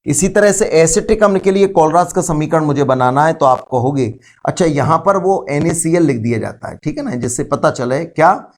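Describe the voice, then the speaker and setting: A man's voice: fairly high pitch, normal speed, darkish tone. A man teaching a chemistry lesson, explaining step by step, asking the class questions and calling his students "beta". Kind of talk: classroom lecture.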